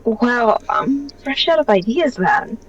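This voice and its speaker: A woman's voice: a little high, expressive, slow. A young woman joining a gaming video as a friend, trading crude, joking banter full of swearing. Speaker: co-player friend. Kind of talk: casual let's-play chat. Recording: distant, dull call audio with game music.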